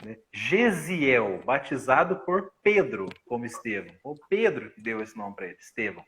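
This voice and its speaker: A man's voice: mid-range voice, moderate pace. A Brazilian man giving a casual spiritist study talk, telling stories and acting out the people in them with laughs along the way. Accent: Brazilian Portuguese. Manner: animated storyteller who acts out quoted lines with laughs. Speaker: spiritist study group presenter.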